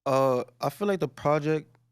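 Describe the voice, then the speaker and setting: A man, a rapper talking casually and quietly in an interview, often trailing off. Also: normal speed, clear, resonant tone, no echo, studio quality. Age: 20s. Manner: laid-back, low-key, trails off with "that's really it". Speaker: rapper guest.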